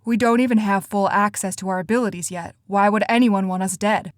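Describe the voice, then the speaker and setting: A woman voicing an earnest, anxious teenage boy who talks eagerly in rushes, in an audiobook. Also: mid-range voice, steady tone, dry recording, natural voice.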